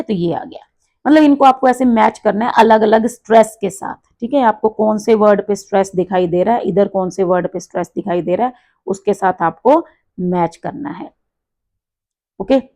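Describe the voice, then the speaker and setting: A woman teacher explains an English lesson in Hindi, slowly reading example sentences with marked stress and intonation. Her voice is medium-pitched with a dark tone.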